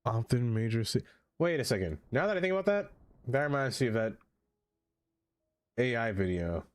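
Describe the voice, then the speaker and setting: A man streams a game in a casual livestream chat, sounding stuffed up in the nose. He's chatty and excitable, greeting viewers by name in a medium-pitched voice at a normal speed, with no room sound.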